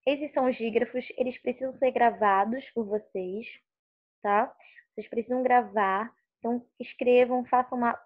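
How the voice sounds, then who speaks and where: A woman teacher from Rio de Janeiro state with a carioca accent, patiently explaining a lesson and repeating words slowly to stress their sounds. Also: fairly high pitch, highs cut off. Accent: Rio de Janeiro Portuguese. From Rio de Janeiro state, Brazil. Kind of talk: recorded online class.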